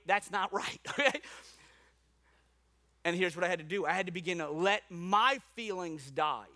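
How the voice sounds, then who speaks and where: A man's voice: sits high, bright, forceful tone. A man from New Orleans preaching a sermon as a pastor, with rhetorical questions and repetition. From New Orleans, USA.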